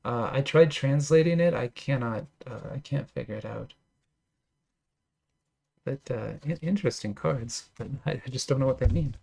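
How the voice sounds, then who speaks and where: A man's voice: medium pitch, moderate pace, gravelly, a little mellow. A man casually talking through opening trading card packs, enthusiastic and chatty with lots of fillers and little laughs. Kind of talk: casual unboxing commentary.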